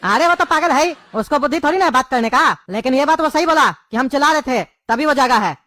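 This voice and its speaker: A woman's voice: high voice, animated, bright, forceful tone, dry recording, studio quality. A woman, playing an irritable father in a comedy sketch. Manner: fast, irritable.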